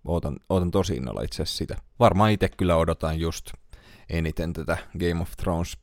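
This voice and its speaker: Casting: male podcast host, very low voice, dry close sound, rambling casual delivery. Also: darkish tone, no echo. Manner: thinks aloud, browsing lists, many fillers. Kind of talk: casual solo podcast talk.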